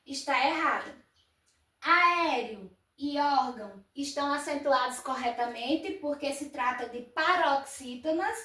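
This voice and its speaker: A woman's voice: high-pitched, a bit bright, far from the mic. A woman teacher working through grammar exercises, patiently asking and answering her own questions. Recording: echoey room, voice set back from the mic.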